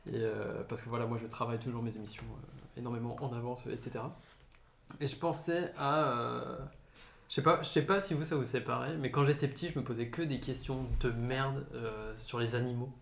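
A young man co-hosting a relaxed podcast among friends, drifting from thought to thought with plenty of fillers. His voice sits at an ordinary pitch. The room adds a noticeable echo and faint background hiss. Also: fairly quick, gravelly. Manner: rambling, playful, full of fillers. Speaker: podcast co-host. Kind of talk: casual chat among friends. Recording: roomy echo, faint noise.

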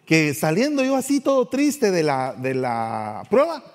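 Middle-aged male storyteller, playful and animated, higher voice, long reverb. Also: a little slow. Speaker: podcast host. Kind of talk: personal storytelling.

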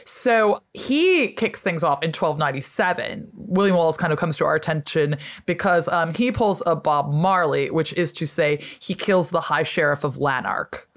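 A guest historian retells history casually and quickly, with plenty of fillers. The speaker acts out the figures' lines in passing, at a mid-range pitch. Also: animated. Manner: chatty, many fillers, acts out quotes.

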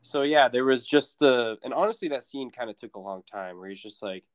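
A man co-hosting a casual movie podcast, animated and laughing as he retells scenes. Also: medium pitch, brisk, no echo. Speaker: podcast co-host.

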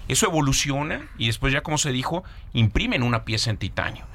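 A man's voice: medium pitch, quick pace. A man, a guest from a foundation, speaking in an emphatic, engaged way. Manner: emphatic, animated. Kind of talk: casual chat.

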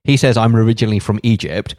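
A man co-hosting a casual podcast, talking in a measured way and reasoning things through. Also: fairly low pitch, a little mellow, dry recording, clean studio sound. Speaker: podcast co-host. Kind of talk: casual chat.

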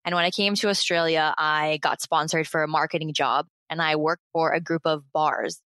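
Upbeat American woman, lowish voice. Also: steady tone, normal speed, fairly bright tone, dry recording. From United States. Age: late 30s. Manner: chatty and upbeat, laughs easily. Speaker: guest, founder of a play consultancy. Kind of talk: casual interview chat.

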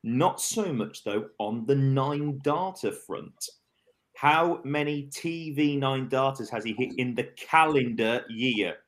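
A man hosting a casual darts chat show, reading quiz questions slowly and teasing the panel. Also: medium pitch. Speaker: quiz host of a darts podcast.

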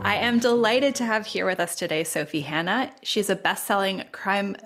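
A woman's voice: mid-range voice, moderate pace, over loud music. A woman hosting an interview podcast, introducing and questioning her guest.

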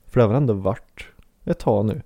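A Swedish man co-hosting a casual chat, animated and joking, often restarting his sentences. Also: fairly low pitch, slightly rough, no room sound, studio quality. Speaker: podcast co-host.

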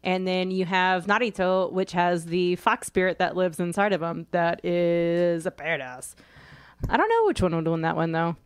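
A woman's voice: on the low side, expressive, clean tone, no room sound. A woman co-hosting a casual chat, arguing her picks with strong opinions. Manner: opinionated, quick to argue. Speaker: co-host. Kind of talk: casual chat about fictional matchups.

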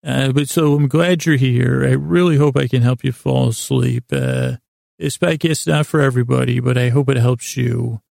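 Recorded in a tiny closet yet studio quality and echo-free, this sleep podcast host speaks in a gravelly, creaky, darkish voice of medium pitch, fairly expressive. His delivery meanders slowly and haltingly into nonsense, broken by constant self-interruptions and apologetic, self-deprecating remarks.

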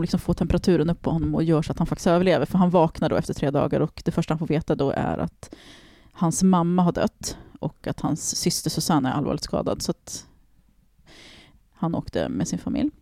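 A woman casually telling a story on a podcast, animated, swearing and acting out the people she quotes. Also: sits low, dry recording, studio quality.

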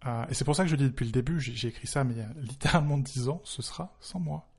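Opinionated man, mid-pitched, wry. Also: fast, darkish tone, breathy edge. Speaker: tech journalist, podcast co-host. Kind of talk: conversational opinion commentary.

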